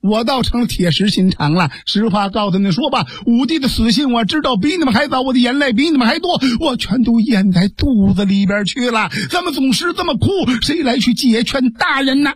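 A male storyteller voicing an earnest sworn brother who pleads forcefully with a grieving official, in traditional storytelling dialogue. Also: extremely high pitch, lively intonation, fairly quick, hardly any pauses, husky, dry recording, studio quality, heavily acted. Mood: agitated.

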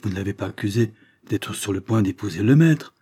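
An awkward, conciliatory butler who tries to smooth things over, read by a man. The voice is low, dark and husky, as in an audiobook reading. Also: animated, brisk. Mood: placating. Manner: placating, embarrassed. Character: embarrassed conciliatory male butler.

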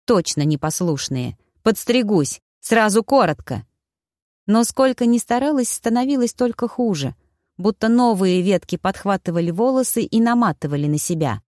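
A woman telling a fantasy story in the first person as an audiobook narrator, with lively, expressive delivery. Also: mid-range voice, normal speed, no room sound, studio quality.

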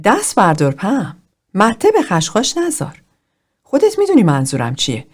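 A woman's voice: medium pitch, huge pitch swings, pitched above the performer's own voice. A woman doing a pushy, irritated man. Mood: exasperated. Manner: pushy, argumentative. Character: blunt irritated man in a therapy group.

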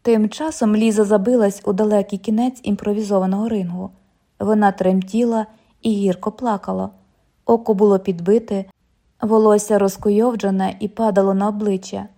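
A woman's voice: mid-range voice, fairly even intonation, normal speed, mellow. A woman reading a novel aloud as an audiobook narrator, voicing the characters' lines with only slight changes to her voice.

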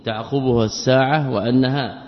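A man's voice: mid-range voice, steady tone. Man teaching a religious text in a reverberant hall. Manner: deliberate, repeats words and restarts, asks rhetorical questions. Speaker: Islamic scholar teaching a text. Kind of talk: religious lesson, explaining a text. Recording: dull lo-fi recording with long hall reverb.

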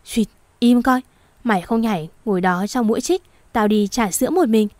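A woman's voice: on the high side, moderate pace, darkish tone, no room sound, close to an everyday voice. A woman playing a bossy teasing young master, curt lines, dry close sound.

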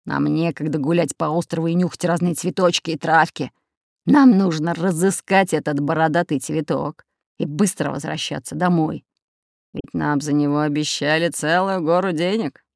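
A woman voicing a gruff, bossy, red-bearded male pirate captain. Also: deep voice, fairly even intonation, normal speed, darkish tone, no echo, studio quality. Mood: scheming.

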